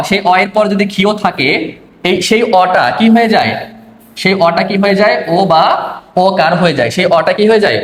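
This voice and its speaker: A man's voice: sits high, roomy sound. A man teaching pronunciation online, explaining step by step and answering his own questions.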